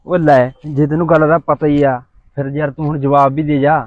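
Guy playing lovesick village lad, quick pleading talk, sounds thru a phone, dry. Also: mid-range voice, no echo, phone-quality sound, natural voice. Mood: pushy pleading. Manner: mournful and pleading, dropping his voice. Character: young village man lovesick for a girl.

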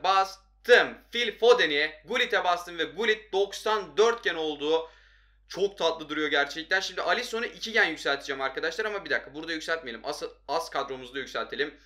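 A young man giving casual, excitable commentary on his own mobile football game, often breaking into frustrated outbursts. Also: fairly high pitch. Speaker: gaming YouTuber.

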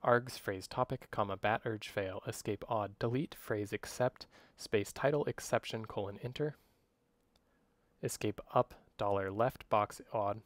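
A man dictating code by voice, speaking clipped strings of isolated command words as a software demonstration. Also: on the low side, measured pace, no echo.

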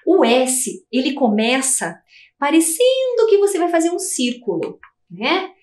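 High lilting Brazilian woman teacher. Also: big pitch swings, measured pace, darkish tone, echoey room. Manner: patient, step-by-step explaining with a lilting voice. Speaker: primary school teacher. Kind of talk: televised lesson for young children.

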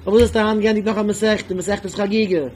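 A man's voice: sits high, flat delivery, fast talker, faint music behind. A man speaking as a rabbi in an impassioned sermon, pressing his point with repeated rhetorical questions.

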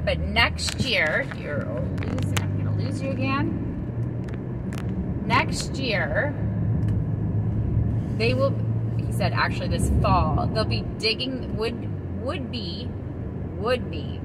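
Chatty woman vlogging from her car. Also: on the high side. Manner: chatty and rambling, many ums and restarts. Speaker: homesteading vlogger. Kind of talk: casual vlog talk to camera. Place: inside a car driving on country roads. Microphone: camera clipped on the dashboard. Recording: loud road and engine noise.

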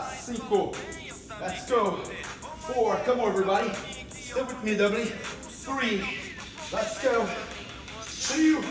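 A man with a Brazilian accent, a native Portuguese speaker, working as an energetic aerobics instructor who calls out counts and encouragement while exercising. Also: sits high. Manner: energetic, motivating, exerting himself while demonstrating. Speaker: aerobics instructor leading a workout class. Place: large indoor gym studio. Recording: echoey gym hall, distant mic, music behind.

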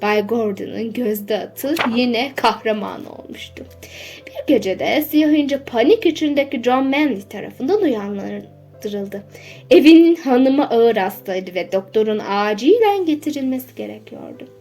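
A woman narrating a children's storybook aloud in a measured, expressive reading. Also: fairly high pitch, soft background music.

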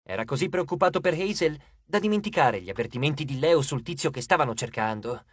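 Male audiobook narrator, measured storytelling, slightly high voice, dry studio mic. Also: animated, slightly rough, no echo. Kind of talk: scripted narration.

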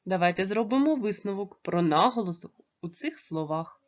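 A woman teacher giving a primary school lesson, pronouncing words slowly and carefully. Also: medium pitch, lively intonation, highs cut off. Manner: slow, careful pronunciation when modelling words.

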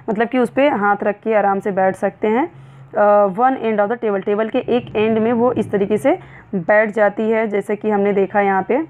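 A woman teacher, reading English lines slowly and then explaining them in Hindi. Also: medium pitch, darkish tone, low-quality recording.

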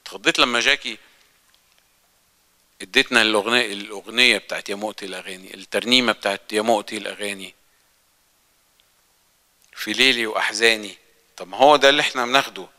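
A man's voice: fairly low pitch, quick pace, long pauses, bright, forceful tone. A man with an Egyptian Arabic accent preaching a church sermon in an earnest, conversational way, asking the congregation questions. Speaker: lay preacher. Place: church hall. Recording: church hall reverb.

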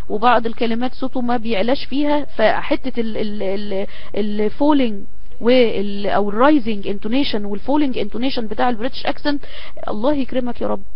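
A man with an Egyptian Arabic accent gives an online lecture as an English teacher, explaining with many restarts. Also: very high voice. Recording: lo-fi recording.

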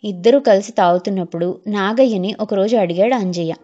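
A woman narrating an audiobook story in a steady storytelling manner. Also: medium pitch, brisk. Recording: muffled lo-fi, faint music.

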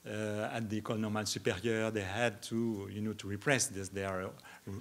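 Halting man answering questions. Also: lowish voice, flat delivery. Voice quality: halting, many restarts and stammers. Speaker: keynote speaker answering questions. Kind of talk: academic Q&A answer. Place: lecture hall.

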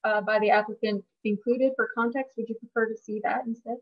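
A woman's voice: a little high, fairly even intonation. Woman planner explaining over a muffled call. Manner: measured, explanatory. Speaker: city planner. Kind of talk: technical explanation. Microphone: video call.

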